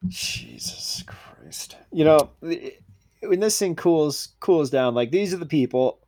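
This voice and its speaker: Animated ranting man, lively pitch. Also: unhurried. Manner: animated, ranting, swears freely. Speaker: podcast co-host. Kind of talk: casual profane chat.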